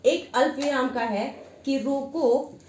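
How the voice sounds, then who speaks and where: High-voiced woman teaching in an echoey room. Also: lively intonation, a little mellow, a little hiss or hum. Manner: explains slowly with many repetitions. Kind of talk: Hindi grammar lesson.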